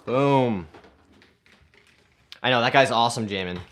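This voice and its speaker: A man's voice: medium pitch, a little slow, fairly bright tone, slight background noise. A man hosting a golf live stream, casually reading viewer comments aloud and answering them in an upbeat way.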